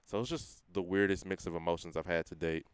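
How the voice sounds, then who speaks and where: A young man with a very deep, very clear voice tells a personal testimony in a casual interview. He talks earnestly, in everyday slang, and drops his voice when he quotes himself. The sound is dry and close. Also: fairly even intonation, quick pace, no echo. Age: young adult. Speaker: guest sharing his testimony.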